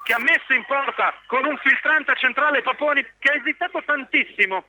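A man commentates football live on the radio in a high, very forceful voice. He calls goals with breathless excitement, repeating and stretching key words. It sounds like a broadcast over a phone line. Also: slight background noise. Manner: excited, urgent shouts on goals, drawn-out repeats.

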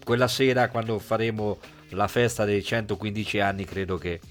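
A man with a fairly low voice chats casually as a sports radio host, music audible behind him. He often doubles back on his words and repeats phrases. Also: steady tone, normal speed.

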